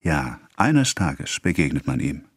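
A man voicing a brooding male seducer, speaking low and hushed in an audiobook reading. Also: very animated, a little slow, breathy edge, no echo, clean studio sound, exaggerated voice. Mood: intimate.

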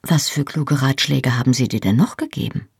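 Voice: mid-range voice, moderate pace, vocal fry, husky, no room sound, studio quality. A narrator voicing a curious young woman in an audiobook, teasing and amused in her questions. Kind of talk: audiobook character voice.

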